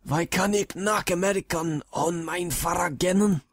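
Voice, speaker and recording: An actor playing a confused, childlike elderly pope, speaking halting broken English in an audio drama. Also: male voice, high-pitched, husky, dry recording. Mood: dotty. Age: older.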